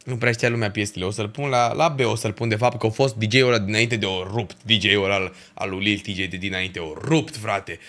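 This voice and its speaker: A man's voice: lowish voice, few pauses. A young man, chatting casually on a livestream and ranking festival shows, full of slang and swearing. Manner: animated ranting with slang and swearing.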